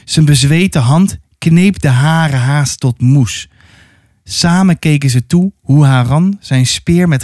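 A man reading a children's adventure book aloud in an expressive storytelling manner. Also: a little high, dry recording, clean studio sound. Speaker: storybook reader.

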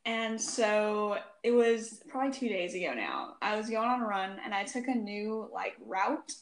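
A young woman co-hosting a casual chat, relaxed and self-mocking, laughing often. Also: medium pitch, moderate pace, reverberant, rough recording. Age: young adult. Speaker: co-host.

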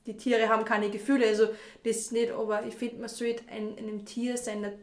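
A woman's voice: a little high, flat delivery, moderate pace, a little mellow. A woman asks questions and chats casually in dialect, offering her own opinions. Her voice carries a noticeable roomy echo. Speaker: interviewer. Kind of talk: casual conversational interview.

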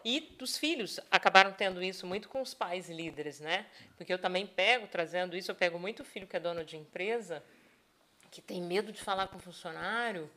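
A woman speaking as a sales expert in a casual podcast chat, animated and playing out quoted people as she talks. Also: fairly low pitch, brisk. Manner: animated, acts out quoted speech in other voices. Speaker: neurosales specialist, podcast guest.

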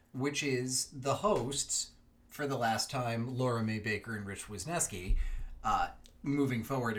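A man's voice: mid-range voice, a bit bright. A man co-hosting a fiction podcast, chatting casually with many fillers. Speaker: podcast co-host.

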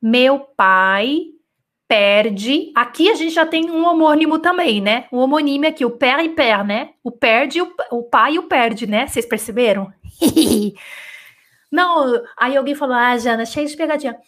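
A woman teaching French in a live online lesson, dictating slowly and then explaining in chatty, easygoing Portuguese with lots of "tá?" checks. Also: high voice, expressive, a bit bright.

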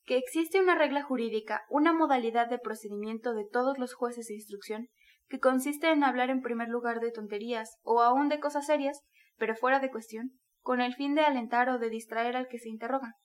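A woman's voice: on the high side, brisk, natural voice. A woman reading the lines of a sly, chatty middle-aged male magistrate who keeps pressing in an ingratiating way.

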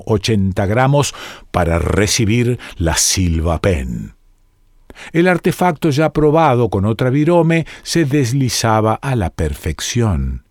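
A man with an Argentine accent narrating a story on the radio, slow and theatrical, with wide swings in pitch. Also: darkish tone, dry recording, clean studio sound. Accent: Argentine Spanish.

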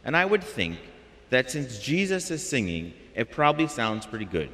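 A man's voice: medium pitch, sing-song, moderate pace, bright, forceful tone. A man preaching in a reverberant church. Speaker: homilist. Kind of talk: sermon.

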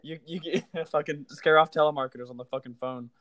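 A twenty-year-old man hosts a podcast in casual chat, speaking loosely, swearing often and packing in fillers. His voice sits on the high side with fairly even intonation, a fairly quick pace and a slightly bright tone. The recording is dry.

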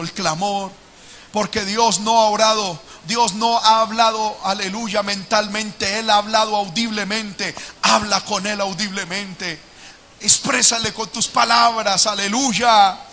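A man leading a fervent prayer sermon as pastor, moving between hushed prayer and shouted pleading cries. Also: high-pitched. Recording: long hall reverb with music behind.

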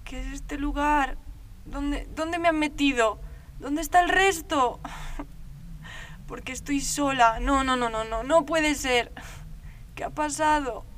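A woman's voice: high-pitched, takes it slowly, long pauses, a bit bright, a little hiss or hum. A woman reading an audiobook, voicing a frightened young girl locked alone in a cell, pleading and repeating herself, short of breath and close to tears. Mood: panicked. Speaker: audiobook reader.

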